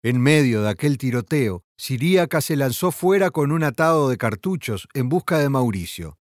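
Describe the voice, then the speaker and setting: A man narrating an audiobook in a dramatic, expressive reading. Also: mid-range voice, normal speed, no echo, studio quality.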